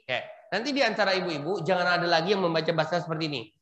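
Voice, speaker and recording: A man teaching Quran recitation rules to a class of women, patiently prompting them and demonstrating slow, drawn-out recitation. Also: sits high, a bit bright, slight background noise. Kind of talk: tajwid lesson for women. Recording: echoey room.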